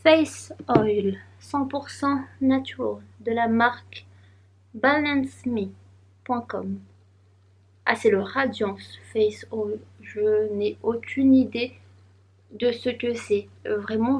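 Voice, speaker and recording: Young female vlogger, light higher voice, rambling casual chatter. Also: fairly even intonation, takes it slowly, slightly rough. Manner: chatty, giggly, rambling aloud while unboxing. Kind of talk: casual vlog chat.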